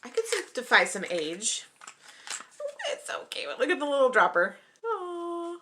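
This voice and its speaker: A young woman vlogger chatting casually as she unboxes beauty products, upbeat and quick to call everything exciting. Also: mid-range voice, slight background noise.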